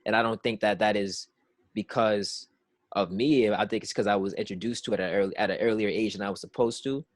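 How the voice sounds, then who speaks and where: A young man co-hosting a podcast, talking frankly in a casual chat with lots of halting restarts and fillers. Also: on the low side, steady tone, dry recording. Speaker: podcast co-host.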